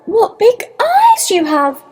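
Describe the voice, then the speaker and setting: A woman's voice: very high-pitched, huge pitch swings, takes it slowly, a little mellow, voice pushed up, full character voice. A woman voicing an innocent, anxious little girl in a storybook tale. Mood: puzzled, uneasy.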